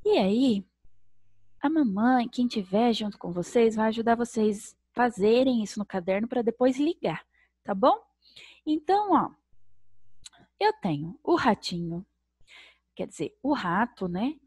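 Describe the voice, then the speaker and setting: Brazilian woman, primary teacher, slow lively sing-song delivery, spells out syllables, dry room. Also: on the high side, slightly rough, no room sound. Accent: Brazilian Portuguese. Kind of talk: recorded video lesson for young children.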